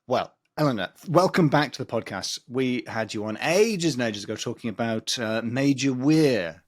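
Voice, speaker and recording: A man's voice: medium pitch, lively intonation, moderate pace. A man hosting a comic podcast, talking in a wry, playful way. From England. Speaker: podcast host. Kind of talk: comic banter.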